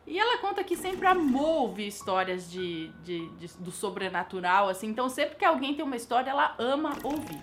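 High-voiced Brazilian woman telling a ghost story. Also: big pitch swings, brisk, hardly any pauses, a little hiss or hum. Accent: Brazilian Portuguese. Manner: chatty, musing aloud with rhetorical questions. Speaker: channel host telling viewers' paranormal stories. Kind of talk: casual storytelling.

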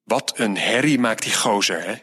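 A man's voice: lowish voice, expressive, normal speed, bright, forceful tone, breathy edge, in a large hall, heavily acted. A man voicing a grumpy, brash pregnant market woman who talks in coarse street slang. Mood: proud.

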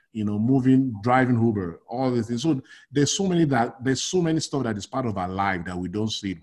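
His voice is husky and medium in pitch. He's a middle-aged logistics consultant from Nigeria, chatting informally in an interview with lots of energy, restarts, and "you know."

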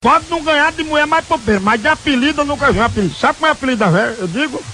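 A radio prank caller and host, teasing and insistently repeating himself on the phone. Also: male voice, very high voice, animated, very fast, rough recording. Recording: hissy radio broadcast.

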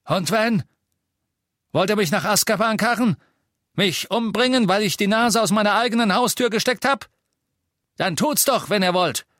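A man voicing a gruff, defiant old male innkeeper wizard who bellows scornfully at his enemies. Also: medium pitch, lively intonation, takes it slowly, pauses often, dry recording, studio quality. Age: older.

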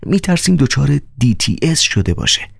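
A timid, anxious poet who stammers and hushes his words, pitched higher than the reader's own voice, as a man puts him on. The tone has a gravelly, husky rasp. It is close-miked and dry. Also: very animated, dry recording, exaggerated voice.

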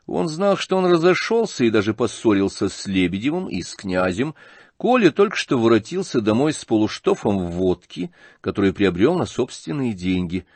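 A man reading a classic novel aloud as an audiobook narrator, with expressive storytelling. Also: lowish voice, moderate pace, husky, no room sound. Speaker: audiobook reader.

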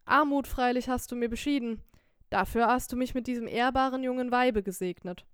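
A woman voicing a humble, trusting poor mason in an audiobook, muttering quietly to himself. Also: on the high side, fairly quick, smooth, dry recording, studio quality, lightly acted. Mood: pious. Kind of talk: audiobook character voice.

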